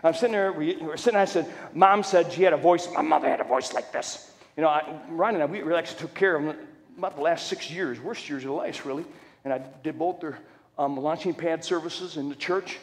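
A middle-aged man preaching a testimony sermon as a preacher and fire chaplain, loud, shouting at times and joking. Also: fairly high pitch, a little fast. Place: large church hall. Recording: long hall reverb.

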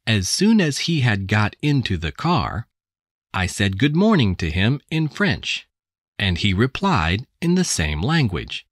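An American woman reading English textbook passages aloud with careful, deliberate enunciation. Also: rumbling low, very animated, dry recording, clean studio sound. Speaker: English text reader. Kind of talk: slow scripted textbook reading.

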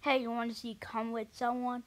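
A woman casually commentating a marble race video in a rambling, chatty way, with sudden excited shouts. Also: on the high side, moderate pace. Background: background music.

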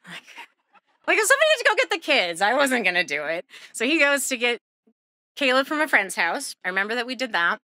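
A woman in her thirties telling a true story live on stage, lively and laughing, acting out the people she quotes with big jumps in pitch. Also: quick pace, no echo, clean studio sound.

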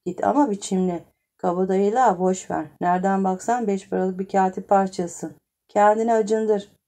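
A woman's voice: mid-range voice, steady tone, normal speed, dark tone, natural voice. A woman as a blunt teasing wine seller. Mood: wry. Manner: wry, advising.

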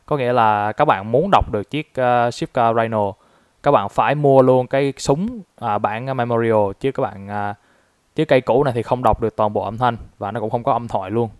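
A man's voice: medium pitch, moderate pace, clean tone, dry recording. A man from Vietnam casually reviewing a toy, explaining it step by step with frequent fillers.

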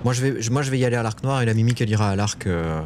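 A streamer gives casual live commentary while playing a game, chatting with viewers and swearing when frustrated. His medium-pitched voice runs very fast. The background is noisy, with game music playing behind.

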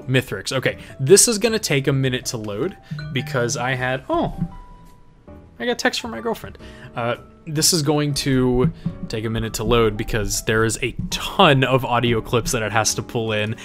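A young man casually talking through an audio software tutorial on a desk mic at home, rambling with fillers and self-corrections. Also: mid-range voice. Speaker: tutorial host. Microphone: home desk microphone.

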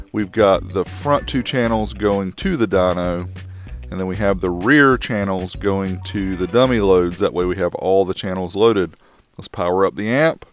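A man giving a casual voice-over review of a car amplifier, with wry joking asides. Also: lowish voice.

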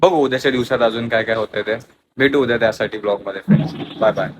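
A young man narrates his family vlog in a relaxed, chatty way, speaking to viewers as friends. His voice sits at an ordinary middle pitch on a small clip-on mic. The home recording carries clear background noise. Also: fast. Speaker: vlogger. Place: home, indoors with ceiling fan. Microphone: small clip-on mic, also phone.

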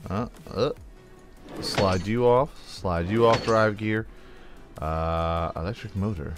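With music in the background, a man speaks slowly in a fairly low voice. In this casual let's play commentary on a mechanic game, he cracks jokes and addresses each part as he takes it off.

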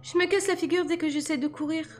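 A woman's voice: extremely high pitch, steady tone, quick pace, a little mellow, a little hiss or hum, pitched above the performer's own voice. A woman voicing a stubborn, sulky teenage girl in a storybook reading. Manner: insistent, pouting.

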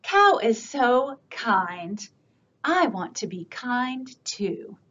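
A woman voicing a gentle, kind cat from a children's picture book in a sing-song read-aloud voice. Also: a little high, big pitch swings, very slow, muffled recording, full character voice. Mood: sweet.

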